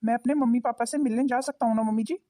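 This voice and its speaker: A woman's voice: on the high side, fairly even intonation, fast, mellow, no room sound, clean studio sound, lightly acted. Woman voicing a mild young son-in-law. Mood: pleading. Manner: polite, reasoning.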